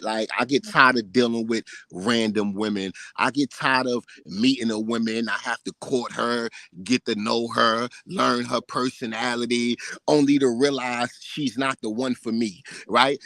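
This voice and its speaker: A man in his late thirties with a mid-range, fairly bright voice rants bluntly and casually, swearing often and ending nearly every point with "right?" He's profane and repeats himself when pressed. The recording is dry and rough.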